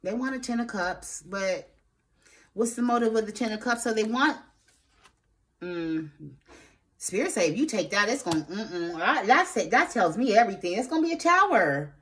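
A woman giving a casual tarot reading, sassy and expressive, swearing freely and talking straight to her viewers. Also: medium pitch, normal speed. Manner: talks straight to viewers, asks spirit aloud. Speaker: tarot reader.

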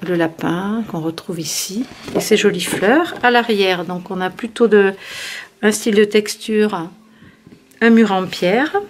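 A woman's voice: mid-range voice, a little slow, a little hiss or hum. Chatty woman reviewing craft papers. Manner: chatty, hesitant, many fillers and restarts. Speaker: scrapbooking channel host. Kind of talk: casual product review.

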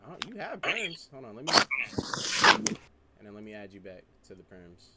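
A man's voice: fairly low pitch, big pitch swings, moderate pace, heavy background noise. Laid-back young man hosting on headset. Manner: loose slangy talk, easygoing, organizing the call. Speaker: host of an online blind date game. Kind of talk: casual streamed chat on a group video call. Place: indoor room, streaming setup.

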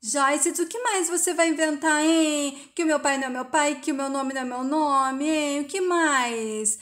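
A woman's voice: sits high, moderate pace, a bit bright. A woman reading a soap-opera recap aloud, voicing a spoiled young woman who accuses and lashes back defiantly. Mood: furious.

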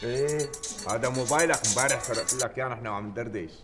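An actor with a Syrian accent playing a cheerful, easygoing petty thief with a breezy manner. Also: male voice, medium pitch, very fast, over loud music, close to an everyday voice. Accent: Syrian Arabic. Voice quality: breezy, animated.

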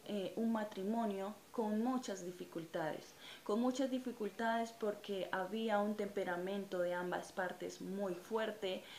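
A Colombian woman in her thirties speaks her religious testimony straight to camera, earnest and reflective, pausing often on hesitant fillers. She sits close to a phone or camera in a small room that rings with echo, a faint ambient hiss underneath. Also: mid-range voice, a little mellow. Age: 30s. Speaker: channel host giving personal testimony. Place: small indoor room in front of a curtain. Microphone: camera or phone at close range.

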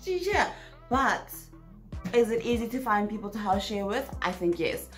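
In a casual Q&A vlog shot in her small bedroom, a young South African woman with a mid-range voice talks animatedly, laughs often and leans heavily on "like". Her laptop camera sits at desk distance, and the room sounds reverberant with soft music underneath.

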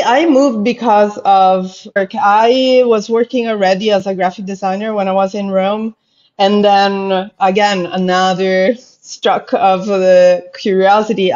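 A mid-range, darkish-toned female voice with an Italian accent belongs to a pottery artist from Italy telling her story in an easygoing interview. Thoughtful, she sometimes pauses to find her words. She talks over a video call using headphones from an indoor room with bookshelves, and the call audio is a bit dull and lo-fi.

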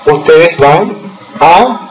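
A man teaching an English lesson to schoolchildren, explaining slowly and patiently and pausing to check they follow, slowing down to spell out example sentences. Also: fairly high pitch, expressive, low-quality recording. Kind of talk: recorded remote lesson over slides.

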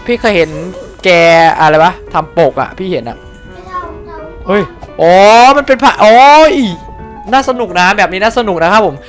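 Excitable swearing young gaming host. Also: male voice, high voice, moderate pace, soft background music. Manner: excitable, swears a lot, jokey boasting. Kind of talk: casual let's-play commentary.

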